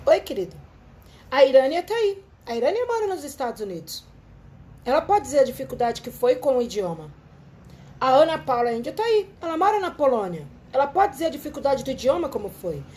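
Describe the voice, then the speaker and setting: Woman, Brazilian Portuguese accent, high voice, chatty live-show host, talks straight to listeners, phone livestream. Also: brisk. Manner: animated, chatty, addresses listeners as "gente". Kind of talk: casual live talk with storytelling.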